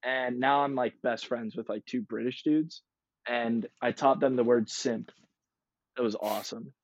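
A young man hosts a casual podcast chat, tossing out laid-back slang and jokes. His voice sits at an ordinary pitch. The recording is dry and a little dull, with the edges of the sound rolled off. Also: fairly even intonation, unhurried, no room sound. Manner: laid-back, jokey, surfer-style slang. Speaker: podcast host.

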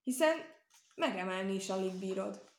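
A woman voicing a gentle, timid male bear in a storybook reading, speaking hesitantly. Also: mid-range voice, animated, a little hiss or hum, lightly acted. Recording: roomy echo.

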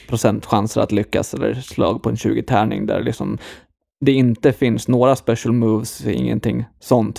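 A man's voice: mid-range voice, creaky, darkish tone, no echo, studio quality. A man co-hosting a casual podcast, explaining things in long, winding sentences. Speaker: podcast co-host.

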